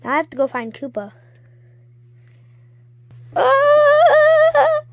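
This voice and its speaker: A woman's voice: sits high, lively intonation, slow pace, darkish tone, dry recording. A woman narrating a playful toy skit in a giggly, chatty way. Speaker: toy video creator.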